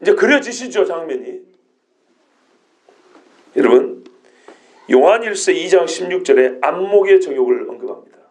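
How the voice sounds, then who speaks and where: A male pastor preaching an expository sermon, animated, throwing rhetorical questions at the congregation. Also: a little high, normal speed, long pauses.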